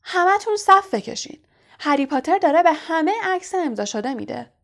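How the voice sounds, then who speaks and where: A woman's voice: medium pitch, close to an everyday voice. A woman voicing an arrogant, sneering schoolboy bully who taunts and mocks in a storybook reading. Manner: mocking, taunting.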